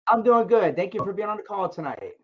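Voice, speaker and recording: A man hosts a distributor sales conference call, answering questions encouragingly and repeating his phrases often. His voice is high-pitched, animated and breathy-edged, and he talks fast. It comes over a conference call line as dull lo-fi audio.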